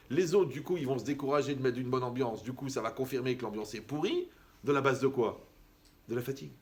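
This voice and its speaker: A man giving a lively, conversational sermon as a rabbi, who acts out the people he quotes. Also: mid-range voice. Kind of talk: animated sermon.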